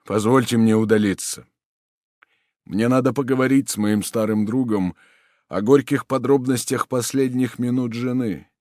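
A proud military father bursts out in anguish and rage, voiced by a man reading aloud. His voice climbs loud and strained, close and dry. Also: mid-range voice, fairly even intonation, moderate pace, no echo, voice pushed up, close to an everyday voice. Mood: troubled. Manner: anguished, shouting. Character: grieving middle-aged marshal, a proud angry father.

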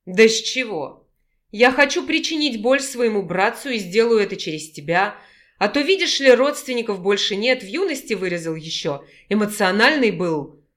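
A woman's voice: medium pitch, animated, moderate pace, a bit bright, close to an everyday voice. Woman reading a snarling werewolf villain. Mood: gloating. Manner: snarling, gloating threats. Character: menacing male werewolf villain, vengeful twin.

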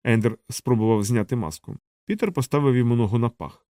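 A man narrating an audiobook in a steady, measured storytelling voice. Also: mid-range voice, no room sound, studio quality.

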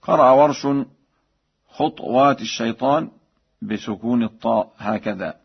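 A man explains recitation rules in a measured way, breaking into slow, melodic chanted examples. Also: medium pitch, vocal fry, breathy edge. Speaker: Quran recitation teacher. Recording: dull lo-fi radio broadcast.

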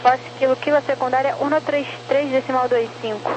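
High-voiced Brazilian woman on crackly radio. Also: fairly even intonation, a little fast. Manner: clipped procedural phrasing. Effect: crackly aviation radio. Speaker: air traffic controller. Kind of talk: air traffic radio instructions. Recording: noisy, dull crackly radio channel.

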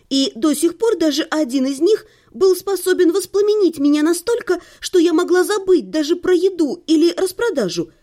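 A woman's voice: high voice, mellow. A woman reading a humorous first-person audiobook at home, with a playful, ironic delivery and theatrical exclamations. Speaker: audiobook reader. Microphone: home recording.

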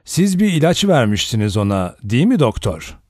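A gruff, blunt ex-policeman in a storybook reading, as a male narrator puts him on, muttering suspicious questions. His voice is thick and lifted slightly above the narrator's, recorded dry. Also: medium pitch, sing-song, normal speed, darkish tone, no room sound. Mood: prying.

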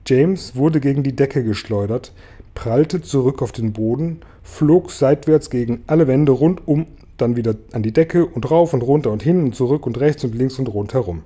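Deep-voiced man reading a storybook. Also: normal speed. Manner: lively, expressive storytelling. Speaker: reader. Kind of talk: reading a children's book aloud.

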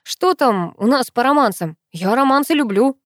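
A woman's voice: sits high, expressive, normal speed, no echo, clean studio sound, pitched above the performer's own voice. Woman doing a cocky young guy. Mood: amused. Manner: smirking, laid-back. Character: relaxed cocky young man, joking and amused.

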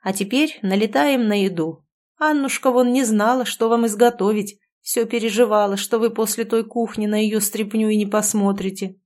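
A woman voicing an old village healer from a storybook, a kindly grandfather with a gruff, grumbling delivery. He sounds warm-hearted under the grumbling. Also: mid-range voice, steady tone, normal speed, close to an everyday voice.

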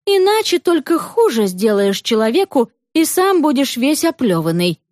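A woman's voice: high-pitched, sing-song, normal speed, darkish tone, dry recording, clean studio sound, voice pushed up. A woman reading the lines of a weary, stern mother in a story, speaking firmly and reproachfully. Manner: firm, reproachful.

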